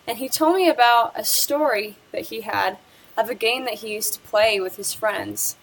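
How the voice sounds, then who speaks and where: Reading from a script, a young student presents her school project interview, describing the person she spoke with. Her voice is fairly high with vocal fry, at normal speed, on a low-quality recording.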